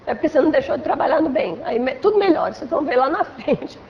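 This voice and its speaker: A woman with a Brazilian Portuguese accent speaks high and clear as she lectures to a spiritual gathering, keeping it conversational with little tag questions and acted-out examples. The recording is a bit dull and lo-fi, with a faint hiss underneath. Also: lively intonation, quick pace. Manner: conversational, frequent "né?" tags, acts out examples. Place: assembly hall of a spiritual center.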